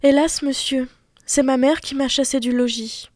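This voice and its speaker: A woman voicing a gentle, sweet young peasant girl who speaks softly and politely, in a fairy-tale reading. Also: high-pitched, fairly even intonation, normal speed, no echo, clean studio sound, voice pushed up, lightly acted. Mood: meek. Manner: soft, polite.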